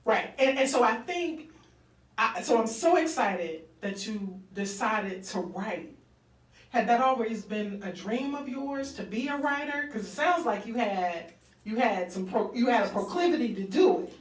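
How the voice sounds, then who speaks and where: A woman's voice: on the high side, animated, measured pace, recorded from a distance. A woman hosting a talk show, playful and enthusiastic, cheering on her guest. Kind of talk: conversational interview. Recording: roomy, from off-mic, faint background noise.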